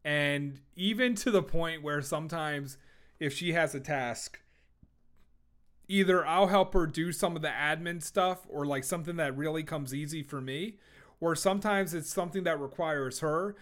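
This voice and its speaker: A young adult man talks on his own podcast, with a voice that sits a little higher than most men's. He rambles loosely and jokes, swears freely, and breaks off into fillers and restarts. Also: normal speed, a bit bright. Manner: rambling, profane, jokey, with frequent fillers and restarts. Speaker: podcast host. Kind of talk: casual solo podcast monologue.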